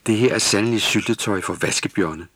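A man's voice: on the low side, fairly bright tone, breathy edge, no room sound. A man voicing a cheeky, bossy, hot-tempered female Christmas elf in a storybook recording. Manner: commanding, quick to scold. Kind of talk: storybook character voice.

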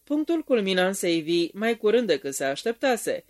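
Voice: mid-range voice, big pitch swings. A narrator giving a dramatic reading of a detective novel.

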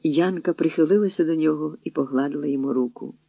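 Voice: medium pitch, fast, gravelly, husky, no echo. Narrator reading over a tinny line. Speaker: audiobook narrator. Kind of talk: dramatic audiobook narration. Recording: dry, tinny phone-like audio.

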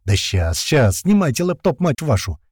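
A man's voice: medium pitch, very animated, normal speed, a little mellow, husky, dry recording, clean studio sound, voice pushed up. A man voicing a snappish young male prisoner who hacks a laptop, curt and swearing, in an audiobook reading. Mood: snapping. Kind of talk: audiobook character voice.

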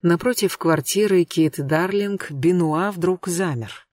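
A man narrates an audiobook in an even, measured way, his voice slightly high. The sound is dry, and he sits a little distant from the mic. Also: no echo. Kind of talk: scripted narration.

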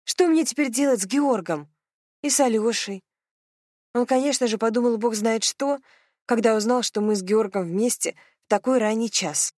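Flustered young bride in an audiobook, pitched up high, read by a woman. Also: moderate pace, a little mellow, no room sound, studio quality, lightly acted. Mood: worried.

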